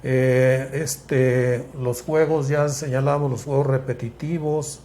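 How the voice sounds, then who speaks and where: A man, a psychiatrist guest explaining things in a measured, step-by-step way with frequent restarts. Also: medium pitch, fairly even intonation, warm tone, slight background noise. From Mexico. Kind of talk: explanatory interview talk.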